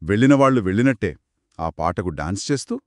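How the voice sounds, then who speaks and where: Here the same man sounds fairly low-pitched but talks quickly, with a dry recording. Sharing narration of a folktale for kids, he keeps it conversational and lively, asking the audience questions.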